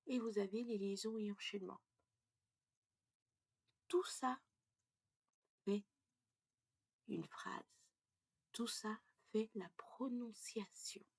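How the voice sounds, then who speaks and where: A woman teaches French pronunciation in a slow, deliberate way, checking in often with her students. Her voice is gravelly and husky, and she slips into a breathy half-whisper now and then. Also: mid-range voice, a little mellow. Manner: explains step by step, checks in with "ok?". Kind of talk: casual lesson.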